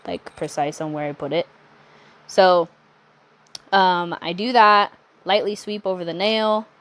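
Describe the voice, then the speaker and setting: A young adult woman talking through a nail art tutorial in a chatty, relaxed way, with self-correcting asides. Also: fairly low pitch. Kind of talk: casual step-by-step tutorial narration.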